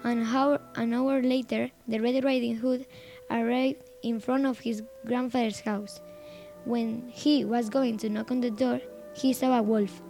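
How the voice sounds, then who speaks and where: A woman's voice: on the high side, fairly even intonation, measured pace, dark tone, faint music behind. A woman reading a children's story aloud in short phrases, with some slips and restarts.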